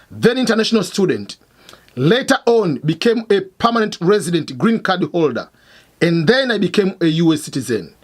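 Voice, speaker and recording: A middle-aged man from Tanzania, host of an explainer channel, teaching emphatically and repeating key points. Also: sits high. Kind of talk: explainer lesson. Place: Missouri, United States.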